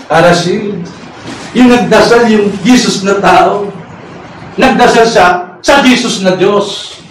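A man debating heatedly, sometimes shouting and firing off rhetorical questions. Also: high-pitched, takes it slowly. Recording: echoey room, voice far from mic, faint noise.

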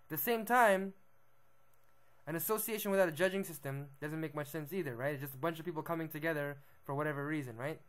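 A man's voice: fairly high pitch, fast, a bit bright. A young man, a b-boy, talking through a list of points in a casual monologue and often checking in with "okay?" and "right?". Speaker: b-boy vlogger.

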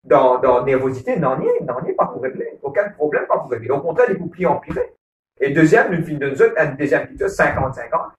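A man's voice: fairly high pitch, big pitch swings, fairly quick, recorded from a distance. Earnest Mauritian man in an echoey room. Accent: Mauritian Creole. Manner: earnest, repeats phrases and often checks with "ok?". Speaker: married churchgoer speaking on a couples program. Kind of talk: casual church talk on marriage. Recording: roomy echo, voice from away from the mic.

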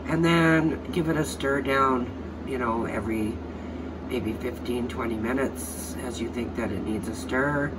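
A man's voice: mid-range voice, a little slow. A man chatting casually in a soap-making vlog at home, thinking aloud with fillers as he goes. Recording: distant mic, air-conditioner hum.

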